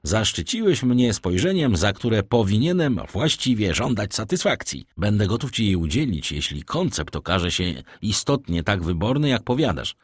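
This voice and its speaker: A man's voice: fairly low pitch, very animated, normal speed, few pauses, breathy edge, no echo, studio quality. A man voicing a vain, witty young Frenchman in an audiobook, speaking in a boastful, theatrical way. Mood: animated.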